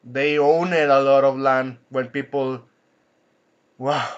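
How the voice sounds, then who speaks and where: A man hosting an angry commentary rant, indignant and swearing, with frequent halting restarts. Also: medium pitch, fairly even intonation, smooth, lo-fi sound. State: coughing from anger at times. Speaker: commentary channel host.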